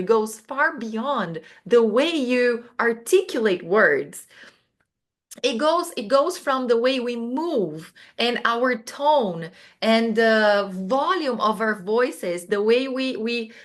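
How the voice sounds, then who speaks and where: A Brazilian English teacher, a native Portuguese speaker with a Brazilian Portuguese accent, gives a casual, chatty English lesson. Her voice is on the high side, animated and slow, and she often restarts and adds asides.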